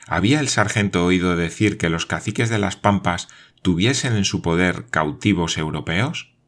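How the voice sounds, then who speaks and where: A man narrating a novel as an audiobook, reading in a measured, even way. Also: deep voice.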